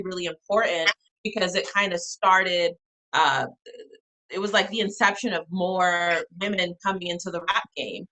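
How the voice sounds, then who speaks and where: A woman on a casual discussion panel, chatty and opinionated, making her case with quick asides. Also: mid-range voice, sharp tone, low-quality recording. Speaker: panel guest.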